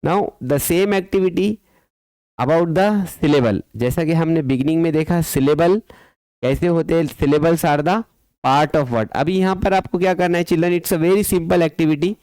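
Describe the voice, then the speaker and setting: Male teacher, slightly higher voice, very slow and deliberate, dry close sound. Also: a little mellow, no room sound, rough recording. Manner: mixes Hindi-Urdu and English, repeats words slowly for students. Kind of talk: school lesson explanation.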